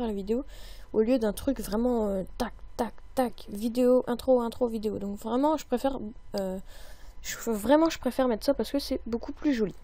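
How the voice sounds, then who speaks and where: A woman recording a casual software tutorial, chatty and upbeat, with many fillers. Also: a little high, dry recording. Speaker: tutorial maker.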